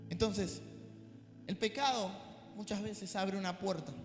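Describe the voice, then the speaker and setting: A man with a Rioplatense Spanish accent preaches a sermon from the pulpit in a very high voice. He is animated and slips joking asides to the congregation between points. His words ring through a large hall with a long reverb and soft music underneath. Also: a little slow. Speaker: pastor. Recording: echoey church hall with faint music.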